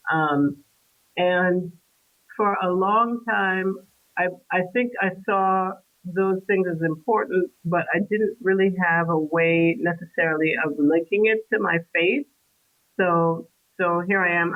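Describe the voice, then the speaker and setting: A woman from Trinidad, a guest on an interview podcast, talking through her answers thoughtfully with many fillers and restarts. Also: fairly low pitch. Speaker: guest, independent scholar. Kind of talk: casual interview conversation. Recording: tinny phone-like remote call line.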